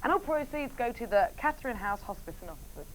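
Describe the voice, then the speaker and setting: Bubbly, high-voiced, quick-talking female presenter. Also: very animated, a little hiss or hum, poor audio. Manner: bubbly, enthusiastic. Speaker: breakfast TV co-host. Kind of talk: live breakfast television presenting.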